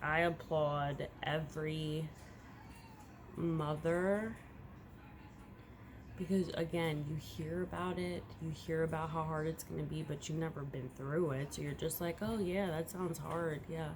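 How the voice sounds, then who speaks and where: A young first-time mother talks candidly at home for a casual vlog, rambling a bit and swinging between hushed and loud. Her voice is deep with little pitch movement and a slightly slow pace, and there's background noise.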